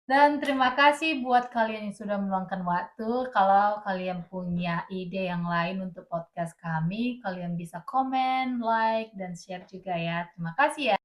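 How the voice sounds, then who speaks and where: A woman's voice: medium pitch, measured pace, few pauses. A woman hosting a podcast interview in a casual, conversational way. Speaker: podcast host.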